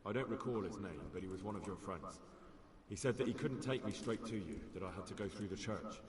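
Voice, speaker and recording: An actor playing a calm young man in a video game who wants to join a band of outlaws, answering in a level, sure voice. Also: sits low, moderate pace, a little hiss or hum, natural voice. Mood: guarded. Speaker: player character in a game. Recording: game audio with music, echoey hall.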